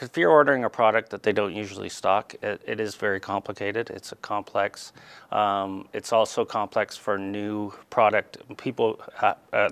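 A man's voice: on the low side, a bit bright, smooth, no echo. A middle-aged man answering interview questions as an industry spokesman, hesitant, with many fillers and repeated words. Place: small TV studio. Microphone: lapel mic.

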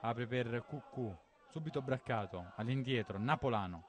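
A man giving breathless, excited football play-by-play commentary, urgently repeating players' names and phrases. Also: medium pitch, normal speed, slight background noise.

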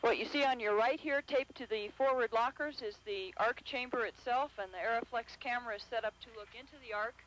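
A woman astronaut explaining an onboard experiment in a clear, methodical way. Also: a little high, a little fast, hardly any pauses, fairly bright tone, poor audio.

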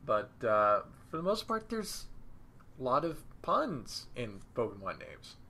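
A man's voice: mid-range voice, big pitch swings, unhurried, creaky, bright, forceful tone. A man co-hosting a casual podcast, making puns and hedging his talk with frequent fillers. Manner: punning, hesitant with many uh fillers. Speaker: podcast co-host.

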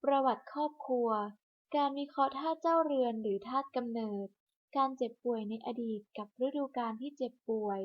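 Lady reading clinic info over the hospital pa, kinda high voice, muffled lo-fi sound, steady list-by-list. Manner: measured, even list-by-list reading. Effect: broadcast over a hospital public address system. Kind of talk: scripted informational announcement. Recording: muffled lo-fi loudspeaker broadcast.

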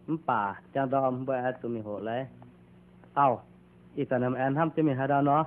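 A man's voice: mid-range voice, steady tone, brisk, lightly acted. A man acting in an amateur drama, talking casually with a bantering manner. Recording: tinny lo-fi with faint guitar.

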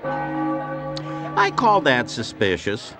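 An actor playing an exasperated, earnest aging superhero sidekick in a cartoon game. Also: male voice, medium pitch, wildly swooping pitch, extremely slow, over music, a crowd in the background, heavily acted.

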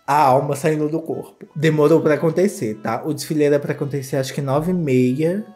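Brazilian guy doing funny reaction commentary, campy and gossipy, mellow soft voice, faint music behind. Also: fairly high pitch, a little fast. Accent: Brazilian Portuguese. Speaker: YouTuber host.

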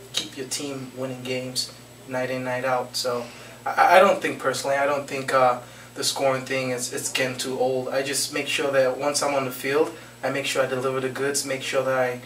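A young man, a soccer forward, answering post-game questions in an earnest, steady way, repeating phrases and restarting often, into a handheld mic in a small office. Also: mid-range voice. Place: small office with trophy shelves, indoors. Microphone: handheld mic held out by interviewer. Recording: echoey room, mic a bit far, faint noise.

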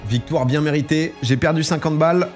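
A man's voice: fairly high pitch, brisk, darkish tone, faint music behind. A man casually commenting while he plays a strategy game, chatting and reading game text aloud. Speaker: gaming streamer. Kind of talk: casual let's-play commentary.

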